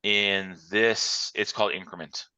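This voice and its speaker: A man's voice: lowish voice, steady tone, unhurried, pushed and bright, smooth, no echo. A man teaching an online class over a conference call, walking through examples step by step. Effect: heard over a conference call. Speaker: instructor. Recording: muffled, dry call audio.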